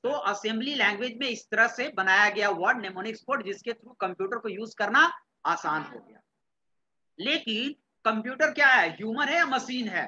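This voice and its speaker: A computer science teacher from Bihar, India, gives a classroom lecture in Hindi sprinkled with English terms, his voice bright, forward and fairly high. He's animated and moves at a moderate pace, constantly quizzing students and repeating back their answers. The audio is dull and lo-fi.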